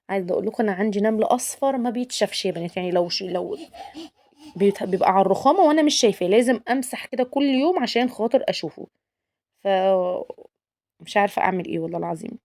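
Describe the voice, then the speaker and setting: A woman's voice: mid-range voice, dark tone. A young woman with an Egyptian accent, chatting casually to her viewers as she shows her cooking and coaxes them to like the video. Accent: Egyptian Arabic. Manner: chatty, coaxing, addresses viewers as girls. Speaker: cooking channel host.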